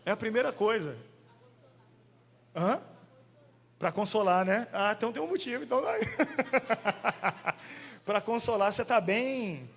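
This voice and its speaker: A male pastor preaching a sermon in an animated, conversational way, firing questions at the congregation. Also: high-pitched, a little slow, creaky, pauses often. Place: church hall. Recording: long church hall reverb.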